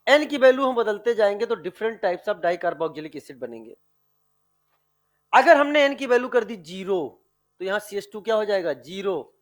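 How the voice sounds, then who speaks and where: A man with a notably high voice teaches a chemistry class. He fires off repeated questions, waits for answers, and drags out the key terms. He calls his students dear children. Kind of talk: classroom lecture with online students.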